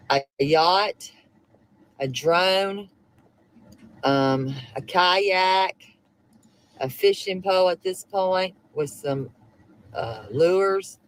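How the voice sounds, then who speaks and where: A woman's voice: fairly low pitch, low-quality recording. A woman leaving a rambling voicemail, muttering curses as she goes. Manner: rambling, curses under her breath. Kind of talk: phone call recording played back.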